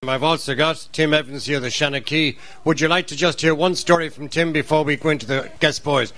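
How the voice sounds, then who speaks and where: A man's voice: fairly high pitch, fairly even intonation, brisk, sharp tone, roomy sound. An Irish man hosting a poetry night, introducing performers live on stage.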